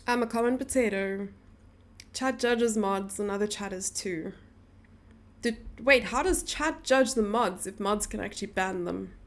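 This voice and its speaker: A woman's voice: medium pitch, unhurried. Chatty woman streamer reading chat. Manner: chatty, teasing, reads chat aloud. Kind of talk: casual live-stream chat.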